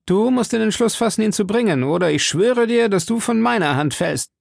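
A bold young musketeer who barks his orders and threats with fiery urgency, as a male reader acts him out. The voice is pitched well above the reader's own and carries a gravelly edge. It is recorded close and dry. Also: expressive, a little fast, no room sound, full character voice. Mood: commanding. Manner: commanding, threatening.

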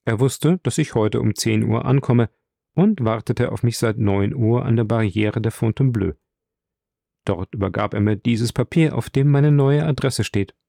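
A man reading a calm, aloof count. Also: mid-range voice, moderate pace, vocal fry, no room sound, studio quality, close to an everyday voice. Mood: composed. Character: worldly, reserved wealthy count, middle-aged man. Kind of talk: audiobook reading.

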